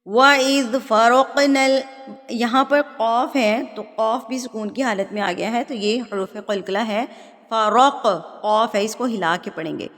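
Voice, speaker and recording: A woman with a slightly high voice teaches Quran recitation. She walks through each pronunciation rule patiently, then recites the verses in a slow, drawn-out chant. Her voice trails off into a long hall reverb. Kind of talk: tajweed lesson, explaining rules then reciting.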